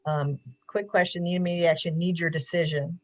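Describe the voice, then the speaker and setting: A woman's voice: on the low side, steady tone, a little fast. A woman counselor giving a casual talk on a video call, chatty and laughing often, with many ums. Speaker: mental health counselor. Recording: dull lo-fi call audio.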